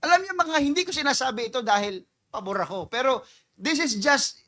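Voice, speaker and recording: A man pastor preaching a sermon, mixing Tagalog and English, swinging from quiet scripture reading to loud emphatic calls and mimicking people's prayers. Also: extremely high pitch, big pitch swings, normal speed.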